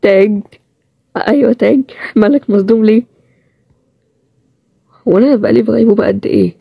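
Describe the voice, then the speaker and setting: A woman voicing a tired, stubborn young man with an Egyptian accent, in a low-key, plain-spoken way. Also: brisk, vocal fry, breathy edge, no echo, dull audio. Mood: teasing. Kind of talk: storybook role-play series.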